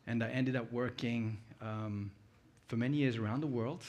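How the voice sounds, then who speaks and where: This conference guest's mid-range, slightly mellow voice holds a fairly steady intonation at a regular pace. A middle-aged man with a British accent, born in Uganda and from the United Kingdom, he presents in a relaxed, chatty manner, telling personal anecdotes and questioning the audience.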